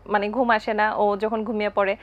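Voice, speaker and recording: A woman appearing as a guest on a talk show, telling stories about her life in a brisk, anecdotal way. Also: mid-range voice, little pitch movement, dull audio. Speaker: content creator guest. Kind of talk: talk show interview answers.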